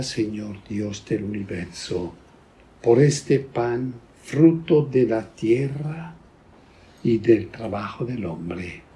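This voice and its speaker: A man speaking as a priest, reading scripture and prayers in a solemn, deliberate, expressive liturgical style. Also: on the low side, a little hiss or hum. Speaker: priest celebrating Mass.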